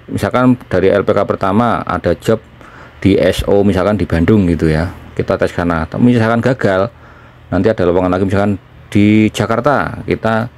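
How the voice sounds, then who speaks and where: A man from Indonesia explaining things in a casual chat as he eats, with pauses between phrases. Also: low voice, darkish tone. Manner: talking while eating, with pauses. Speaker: vlogger, former trainee in Japan.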